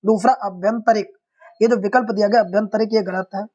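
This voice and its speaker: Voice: medium pitch, fairly even intonation, fairly quick, warm tone, husky, lo-fi sound. A teacher giving an online exam-prep lesson, explaining each answer step by step, often repeating a word to check understanding and addressing viewers as friends.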